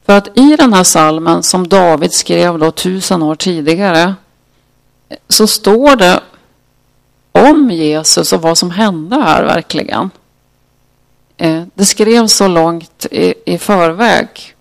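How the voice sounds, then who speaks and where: A preacher giving a devotional talk, halting with fillers, then reading scripture slowly and solemnly. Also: medium pitch, expressive, creaky.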